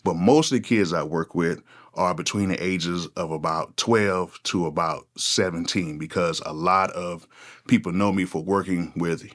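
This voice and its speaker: Sitting low but a bit bright, this man's voice moves at a moderate pace as he, a music producer and channel host in his forties, talks loosely and casually to camera in one unscripted take. He says "go ahead" frequently.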